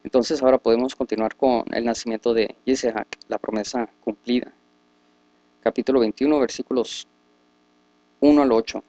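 A man's voice: mid-range voice, steady tone, moderate pace, warm tone, dry recording. Man teaching a Bible study. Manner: reads scripture then explains at length with many fillers and restarts. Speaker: religious teacher.

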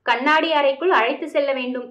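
Storybook villain: a scheming, menacing man, voiced by a woman; high-pitched, muffled recording. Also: fairly quick, fairly bright tone. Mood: stern, menacing. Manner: stern and threatening. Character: scheming menacing male kidnapper, grown man.

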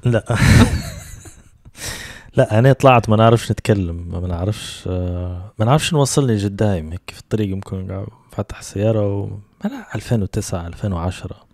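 A man in his thirties with a Libyan Arabic accent hosts a casual podcast conversation, telling stories in a relaxed way with quick asides. His low, mellow voice comes close on a handheld mic, worn with headphones, in a small, softly lit home room that sounds dry and dead, with no echo.

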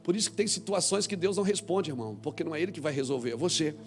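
A Brazilian man preaching a sermon as a pastor, dramatic, swinging between quiet and loud. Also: fairly high pitch, animated, racing, soft background music. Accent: Brazilian Portuguese.

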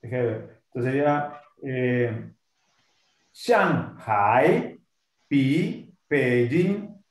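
A man's voice: mid-range voice, animated, very slow, roomy sound. A man taking an online Mandarin lesson as a student, speaking hesitantly and trying the words again and again.

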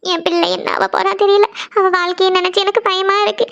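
Someone doing a worried, squeaky cartoon mother. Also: little pitch movement, vocal fry, fairly bright tone, lo-fi sound, exaggerated voice. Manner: slow, anxious, sorrowful talk. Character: worried tearful mother, a woman's elder sister. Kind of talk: Tamil cartoon series dialogue.

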